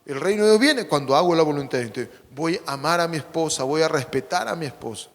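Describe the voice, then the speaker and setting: High-voiced man preaching in a reverberant church. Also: fast. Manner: preaching with rhetorical questions and call-and-response; swings between emphatic loud lines and quiet low asides. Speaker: pastor. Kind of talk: sermon. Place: church sanctuary.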